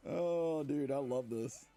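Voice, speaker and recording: A man streaming gameplay live, excitedly commenting, laughing often and talking to his viewers. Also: a little high, creaky. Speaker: game streamer.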